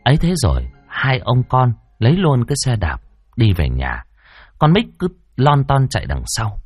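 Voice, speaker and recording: A man narrating a spooky folk tale in a dramatic, expressive way. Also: medium pitch, normal speed, husky, no room sound, faint music behind. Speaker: storyteller.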